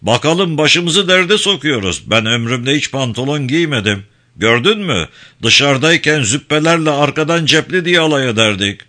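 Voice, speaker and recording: A man reading a novel aloud, voicing a coarse older man who teases loudly. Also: fairly high pitch, lively intonation, moderate pace, voice pushed up. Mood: teasing. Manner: boisterous and teasing.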